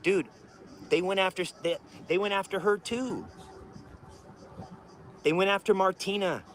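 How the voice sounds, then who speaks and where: A man's voice: high voice, measured pace, slight background noise. Profane, heated male live streamer. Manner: talks straight to chat viewers. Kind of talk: casual live stream rant.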